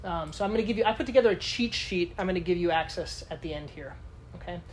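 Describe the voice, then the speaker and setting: A conference speaker with a lowish voice lectures live to an audience, talking fast in a casual, chatty way and often asking the room questions. Slight background noise is present.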